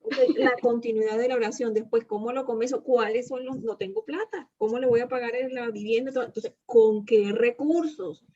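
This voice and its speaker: A woman's voice: fairly high pitch, fairly quick, few pauses, dark tone, lo-fi sound. A woman leading an interactive Bible lesson on prayer, coaching her students emphatically and repeating key phrases. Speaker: prayer teacher.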